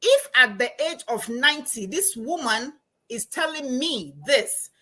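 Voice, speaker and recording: A woman with a Ghanaian accent talks as a podcast guest over a remote line. Her voice sits slightly high and rings bright and forceful. She tells stories with animated emphasis. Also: measured pace. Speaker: guest, anthropology professor and financial coach. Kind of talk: casual podcast interview.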